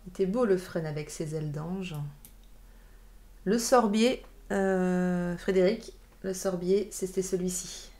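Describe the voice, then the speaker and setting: Co-hosting a relaxed live stream, this late-30s woman chats and responds to viewer messages. Her voice is fairly low and somewhat dark, with fairly even intonation and a slightly slow pace. It's captured through a webcam livestream setup.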